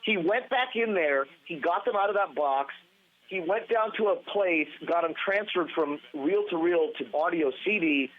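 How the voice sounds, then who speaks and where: A man telling a long story as a podcast guest, animated and rambling, restarting his sentences often. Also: high-pitched, normal speed. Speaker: podcast guest, former band guitarist. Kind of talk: casual storytelling interview. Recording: tinny phone-line sound.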